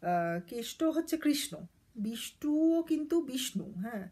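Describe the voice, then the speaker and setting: A woman's voice: high voice, sing-song, measured pace, mellow, breathy edge. A woman vlogger reading a poem aloud and explaining it casually, with many hesitations and self-corrections.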